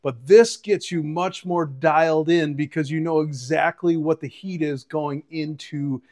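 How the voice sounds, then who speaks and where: This product demo comes from a man in his forties talking to camera in his home kitchen, upbeat and conversational, recorded on a clip-on lapel mic. His voice runs high and slightly mellow, with fairly even intonation and a somewhat slow delivery.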